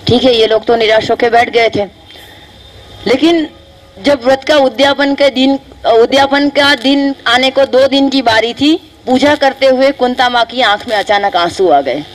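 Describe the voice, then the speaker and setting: A woman telling a story to children at a camp, often pausing to quiz her listeners with questions. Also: fairly high pitch, poor audio. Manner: lively, quizzes listeners.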